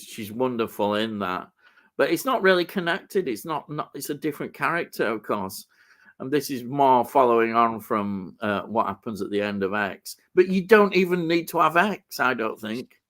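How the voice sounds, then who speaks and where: A man's voice: medium pitch, pushed and bright. An older man with a Yorkshire accent, chatting casually about film and TV in an enthusiastic, rambling way as a show host. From Yorkshire, England.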